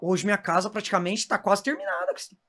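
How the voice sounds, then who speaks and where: A man's voice: high voice, big pitch swings, fast, a bit bright. A man with a Brazilian Portuguese accent, a missionary preacher telling his faith testimony with fervor and calling the listener brother.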